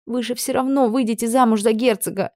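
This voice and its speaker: An emotional young lady-in-waiting, impudent one moment and pleading the next, as a woman reads her in an audiobook. Her voice sits high and bright above the narration and spills out in breathless bursts. The recording is dry and close. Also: steady tone, a little fast, dry recording, close to an everyday voice. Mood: urgent.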